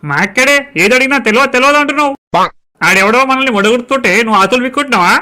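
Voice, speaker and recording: A man's voice: very high voice, rapid-fire, soft background music, exaggerated voice. A man playing a hot-tempered male election candidate who bosses his aide around, speaking in a Telangana Telugu accent. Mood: bossy angry. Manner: bossy, yelling at his aide.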